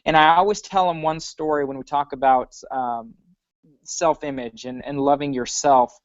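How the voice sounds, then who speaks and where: A man who works as a teacher, a guest on a livestream chat, speaks in a friendly, slightly halting way. His voice is fairly high for a man. The sound is dry and dull, like lo-fi call audio. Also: fairly even intonation, dry recording.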